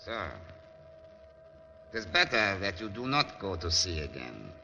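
A menacing Nazi lieutenant from a wartime drama with a German accent and a very hard, cutting voice. His English is formal and halting, swinging widely in pitch as he interrogates with icy courtesy. The sound is hissy and rings as in a large hall. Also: big pitch swings, gravelly, sharp tone, heavily acted. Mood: probing, insistent. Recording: muffled old film sound, reverberant hall, hiss.

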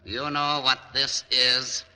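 An actor playing a cold Nazi lieutenant with a German accent, speaking formal, halting English with polite menace in a mid-century dramatic style. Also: male voice, mid-range voice, little pitch movement, bright, forceful tone. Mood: controlled impatience. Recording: muffled old film sound, reverberant hall, hiss.

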